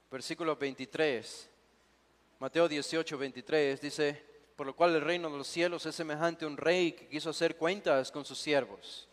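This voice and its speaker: Guy preaching in a church, slightly high voice, repeats stuff slowly for emphasis, long echo. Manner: emphatic preaching, reads scripture aloud, repeats key figures slowly. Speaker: pastor. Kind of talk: expository sermon. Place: church sanctuary. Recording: long church hall reverb.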